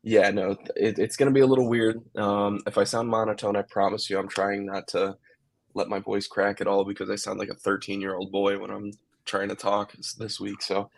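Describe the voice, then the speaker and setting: A man's voice: lowish voice, completely flat delivery, a little fast, creaky, no room sound. A young man co-hosting a casual podcast while sick with a cold, rambling with many fillers and apologies. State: has a cold. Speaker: podcast co-host. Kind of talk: casual chat.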